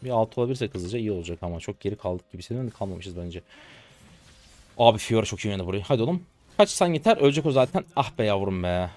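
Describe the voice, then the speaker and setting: A hoarse man in his twenties giving slangy live commentary to viewers while he plays a game. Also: on the low side, a little mellow. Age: 20s. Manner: rapid slangy chatter to viewers. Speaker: gaming streamer.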